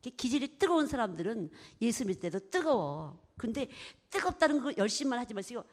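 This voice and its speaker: A woman preaching a sermon. She swings between soft whispers and loud, emphatic bursts, and acts out little exchanges as she talks. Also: fairly high pitch, quick pace. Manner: expressive, acts out little exchanges in her talk.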